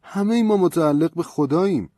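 Guy doing a preachy priest, lectures hard, voice pushed up high, dry sound. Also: warm tone, no room sound, lightly acted. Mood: gently insistent. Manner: earnest, raised-pitch lecturing. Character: stern older male priest, pleading, preachy.

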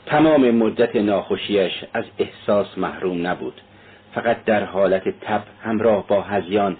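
A man narrating an audiobook in a steady, solemn reading. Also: sits low, slightly rough. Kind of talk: scripted narration. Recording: tinny phone-like sound.

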